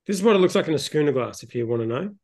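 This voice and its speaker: A man's voice: a little high, lively intonation, very fast, a little mellow. A man with an Australian accent co-hosting a casual chat, blunt and sweary as he talks and tells stories. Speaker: beer show co-host.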